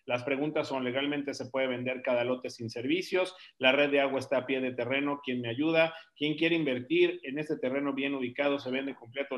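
A man's voice: medium pitch, a bit bright. Man moderating, reading audience questions. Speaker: host and moderator.

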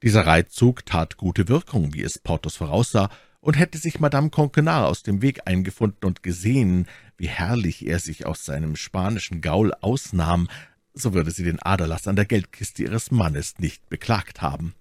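A man's voice: normal speed, no room sound, studio quality. A man reading a classic adventure novel aloud, shifting his voice for the quoted characters. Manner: expressive, shifts pitch for quoted speech. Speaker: audiobook reader.

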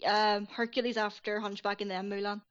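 A woman's voice: medium pitch, flat delivery, moderate pace, clear, resonant tone. Giggly woman on a dull lo-fi line. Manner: giggly, chatty. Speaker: podcast guest, writer. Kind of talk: casual film podcast chat.

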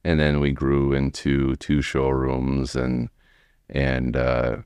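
A man in his forties with an American accent, telling his story casually in a halting, rambling way as an interview guest. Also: extremely low pitch, completely flat delivery, darkish tone, smooth, dry recording, clean studio sound. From United States, Wisconsin. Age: 40s. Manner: rambling, halting, frequent "you know". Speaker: podcast guest, remodeling tradesman.

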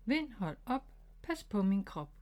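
A woman's voice: medium pitch, very animated, a little mellow, natural voice. A woman voicing an eager young boy rabbit who is learning magic, in a storybook read-aloud. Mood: flustered.

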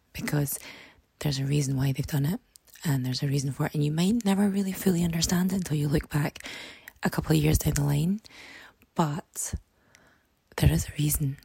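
Croaky, froggy-voiced woman, low and hoarse. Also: mellow, dry recording. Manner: earnest, reassuring advice-giving. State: hoarse, voice partly lost. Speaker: podcast host. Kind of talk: reflective self-help podcast monologue.

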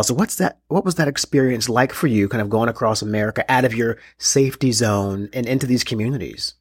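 A man hosting a casual interview, relaxed and slangy, laughing easily between questions. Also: on the low side, breathy edge, no room sound, clean studio sound. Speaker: interviewer, host.

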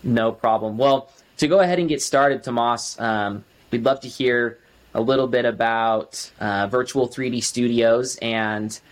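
A man's voice: medium pitch, a little slow. A man hosting an interview, asking loose, friendly questions with a few fillers. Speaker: host. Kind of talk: casual interview.

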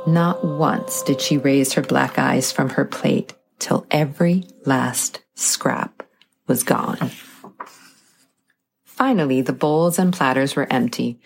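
A woman narrating a folk tale in a measured, dramatic storytelling style. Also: very deep voice, creaky, breathy edge.

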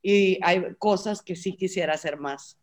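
A woman's voice: on the low side, a little slow. A woman chatting casually and frankly about her own hang-ups as a mother. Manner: candid, self-critical. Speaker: mother in a group chat. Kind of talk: casual chat.

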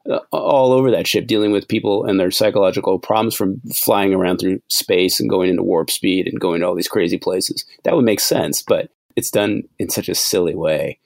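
A man's voice: low-pitched, fairly quick, creaky, hardly any pauses, no echo. A man co-hosting a podcast in casual chat, rambling and laughing. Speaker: podcast co-host.

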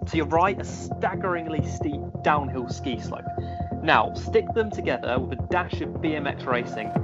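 A man co-hosting a podcast, playful and quick to laugh, reading a lively roundup. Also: fairly high pitch, highs cut off. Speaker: podcast co-host. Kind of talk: casual chat. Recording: loud music behind the voice.

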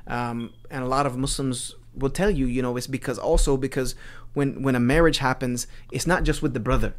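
A man talking as a podcast guest in a casual chat, earnest and animated, with frequent restarts. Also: mid-range voice, a little fast. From United States.

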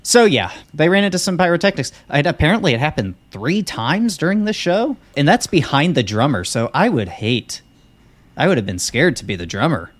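A man's voice: on the high side, sing-song, normal speed. A man co-hosting a podcast in casual chat, rambling with lots of fillers and restarts. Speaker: podcast co-host.

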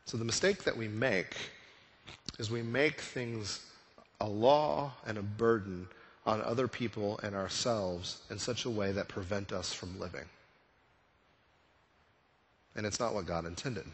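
A man's voice: on the low side, normal speed. Guy pastor preaching casually, lots of questions to the crowd, big echoey church hall. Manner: conversational preaching, rhetorical questions. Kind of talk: sermon. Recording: long reverb of a church hall.

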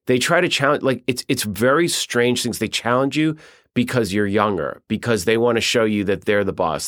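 A man's voice: on the low side, dry recording, studio quality. A man being interviewed as a film director, talking bluntly and profanely in a flowing, storytelling way. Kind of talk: casual interview talk.

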